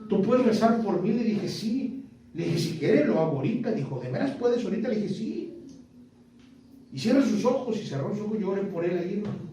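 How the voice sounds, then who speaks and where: A male pastor with a northern Mexican accent, telling a story in a sermon, going from hushed to shouting. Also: high-pitched, expressive, brisk, a little hiss or hum. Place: large echoey church hall. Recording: echoey church hall, far from mic.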